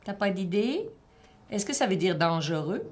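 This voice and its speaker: A woman teacher leads a one-on-one reading assessment with a child. She asks patient, probing questions and encourages the child. Her voice sits at a middle pitch. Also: sing-song, moderate pace, slight background noise.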